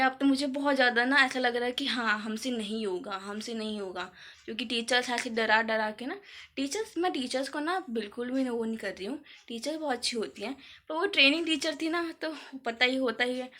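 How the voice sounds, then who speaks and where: A woman's voice: fairly high pitch, bright, forceful tone. A teenage girl vlogging about her school day in a chatty, rambling way. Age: teens. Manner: chatty, filler-heavy storytelling. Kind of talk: casual vlog chat.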